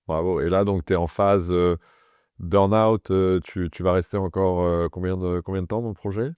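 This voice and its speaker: A man's voice: low-pitched, steady tone, moderate pace, a little mellow, clear, resonant tone, dry recording. A man hosting an interview podcast, speaking with enthusiasm and slipping English words into his questions. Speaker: podcast host.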